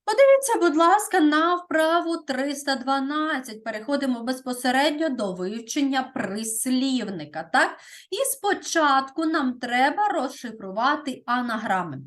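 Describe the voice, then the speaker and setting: A woman teaching a primary school grammar lesson, speaking deliberately and often checking in with "так?". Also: high-pitched, expressive, a bit bright.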